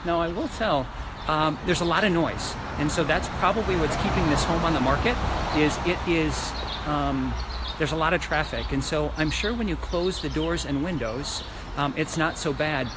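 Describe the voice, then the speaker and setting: Man with a high voice, noisy home tour. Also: normal speed. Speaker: real estate agent giving a home tour. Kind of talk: live-streamed house tour, casual talk to viewers. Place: walking through a large house and its outdoor areas. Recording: noisy live phone video, ambient traffic noise.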